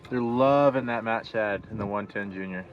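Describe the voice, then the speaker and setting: A man's voice: fairly low pitch, moderate pace, lo-fi sound, soft background music. A young man chatting casually in frat-bro slang while out fishing, recorded outdoors on a boat. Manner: frat-bro slang, saying dude and sick. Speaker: fishing vlog host. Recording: noisy outdoor boat ambience.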